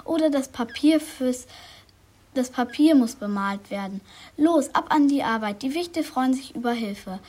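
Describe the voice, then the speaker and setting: Young presenter reading a book tip. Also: female voice, high voice, animated, a little slow, darkish tone. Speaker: school radio presenter.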